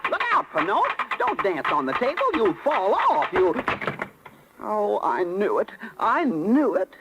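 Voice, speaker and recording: An actor playing a small, flustered, folksy cricket who stammers earnestly, in a 1930s radio drama. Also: male voice, sits high, huge pitch swings, unhurried, very noisy, exaggerated voice. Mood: alarmed. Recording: vintage 1930s radio broadcast with music.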